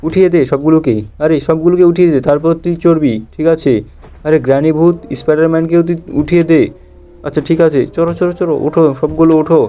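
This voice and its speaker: A young man with a Bengali accent, chatting excitedly as a gameplay host talking to viewers. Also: fairly high pitch, quick pace. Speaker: gaming channel host. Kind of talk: playful gameplay commentary.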